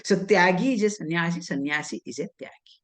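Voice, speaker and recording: A woman with an Indian English accent giving a scriptural discourse as a spiritual teacher, speaking deliberately, weaving in Sanskrit terms and answering her own rhetorical questions. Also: on the low side.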